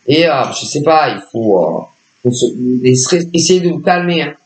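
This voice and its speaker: A man's voice: on the high side, expressive, a little slow, reverberant, rough recording. A man giving a casual spoken tarot reading as a psychic, hesitant and repetitive, full of filler words. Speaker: psychic reader.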